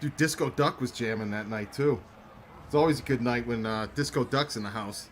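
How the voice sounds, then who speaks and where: A man's voice: medium pitch, a little fast, a little hiss or hum. A young man co-hosting a game-sim stream, chatting casually and rambling through anecdotes while reading chat aloud. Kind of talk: casual chat over a simulated football game.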